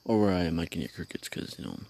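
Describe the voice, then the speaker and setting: A man's voice: deep voice, sing-song, very fast, vocal fry, a little mellow. A man hosting his own show, telling a rambling, profane story in casual slang while sitting outdoors at night. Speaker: podcast host.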